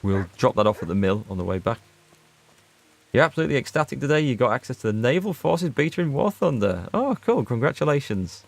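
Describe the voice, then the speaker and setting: Streaming a game, this man chats away in casual let's-play style, reading viewer chat aloud and responding while he plays. He speaks in a mid-range, sing-song voice that runs a little fast and turns creaky, over faint background music.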